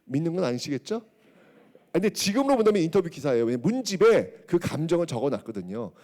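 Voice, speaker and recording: A man giving a public history lecture, telling the story in an animated way, acting out quotes and checking in with the audience. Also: fairly high pitch, quick pace.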